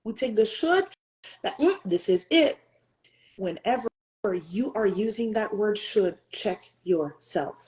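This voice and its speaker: A woman in her thirties hosts a motivational talk, speaking earnestly and emphatically while pushing her audience with rhetorical questions and occasionally switching into French and Haitian Creole. Her mid-range voice has lively intonation, a slow pace, and a slightly mellow quality, though the audio is poor.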